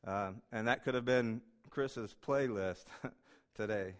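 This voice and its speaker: A man's voice: fairly low pitch, slow. A man preaching in a church as guest pastor, emotional and self-deprecating, talking with many fillers. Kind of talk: sermon. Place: church sanctuary.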